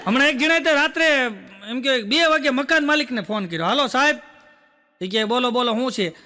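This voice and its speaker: A man doing stand-up comedy, telling jokes rapidly and acting out the dialogue of his characters. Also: very high-pitched, bright, forceful tone, big-room sound. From Gujarat, India. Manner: rapid joke telling, acting out quoted dialogue, frequent rhetorical "બોલો". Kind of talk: Gujarati joke telling on stage.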